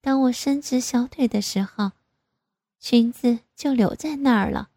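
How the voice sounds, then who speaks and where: A woman reading a first-person story aloud in a slow, even way. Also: on the high side, no room sound. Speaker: narrator.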